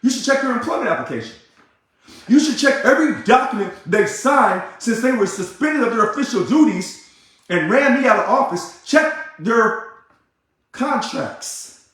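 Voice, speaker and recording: A man with a high, swooping voice rants sarcastically. He repeats himself and bursts into shouting now and then. The recording is heavily echoey, as if made in a bare room. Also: very animated, moderate pace. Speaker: ousted union leader. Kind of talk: ranting monologue.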